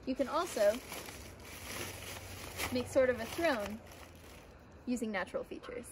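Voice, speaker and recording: A young woman with a fairly high voice talks through an outdoor how-to lesson in an upbeat, playfully deadpan way. She's outside in a backyard, picked up by a camera mic. A faint outdoor hush sits behind her. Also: measured pace, a little hiss or hum. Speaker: outdoor skills instructor. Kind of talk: scripted instructional video.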